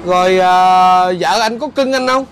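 A woman's voice: fairly low pitch, unhurried, a little hiss or hum. A woman interviewer with a Southern Vietnamese accent, asking questions in a teasing, playful way. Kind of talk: casual interview.

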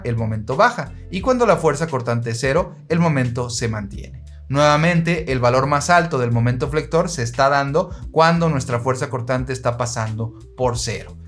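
A man teaching engineering, explaining diagrams in a patient, steady way and speaking straight to the listener. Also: medium pitch.

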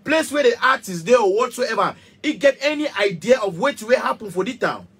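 With an extremely high, slightly rough voice, this Cameroonian musician in his thirties rants to camera from a small studio. His intonation is lively, his pace a little fast, his tone fairly bright, and his Pidgin English-accented delivery passionate, emphatic, repetitive, and full of gestures.

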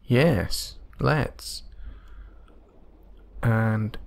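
Creaky, slow-talking man commentating a game. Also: lowish voice. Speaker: gamer, let's play commentator. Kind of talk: casual gameplay commentary.

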